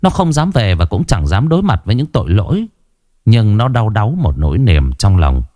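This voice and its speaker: A man narrating a story in an unhurried, expressive way. His voice sits low but moves freely up and down. The recording is dry and close. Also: no room sound.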